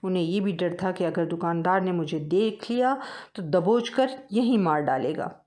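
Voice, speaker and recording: A woman narrating a funny children's folk tale, telling it in a lively, expressive way. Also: on the low side, normal speed. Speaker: storyteller. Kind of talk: storybook narration.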